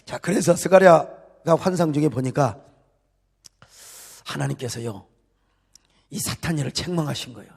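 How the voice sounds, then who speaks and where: A male pastor preaches in a church with a high, gravelly voice. He is emphatic, dropping to quiet asides and rising to loud, shouted declarations. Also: moderate pace, pauses often. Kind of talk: sermon. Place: church sanctuary.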